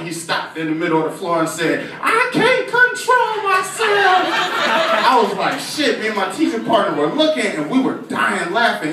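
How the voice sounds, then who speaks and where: A young man on a comedy stage tells a story in an animated, profane way, slipping in and out of voices. His voice sits slightly high. He sounds distant in a very echoey club, with crowd noise underneath. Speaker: stand-up comedian. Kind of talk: stand-up storytelling. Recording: echoey club, far mic, audience noise. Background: audience laughter.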